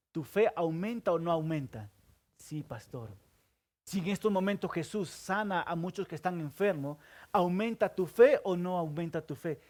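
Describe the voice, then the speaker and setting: Pastor preaching with dramatic swings. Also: male voice. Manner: asks the congregation questions and answers them himself; swings between loud stresses and hushed low asides. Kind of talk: sermon.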